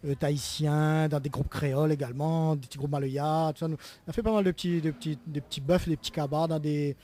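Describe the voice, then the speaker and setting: A man from Réunion with a Réunionnais accent, a musician guest chatting casually in a radio interview, relaxed and rambling. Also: a little high, quick pace.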